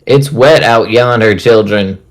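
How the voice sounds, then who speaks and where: Loud, hearty deckhand voiced by a man, roaring and boisterous, pitched well up. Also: a little slow, lightly acted, rough recording.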